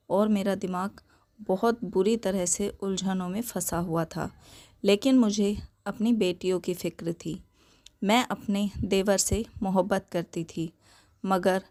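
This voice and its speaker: Slow, emotional woman storyteller. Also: medium pitch, darkish tone. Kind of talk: scripted first-person story narration.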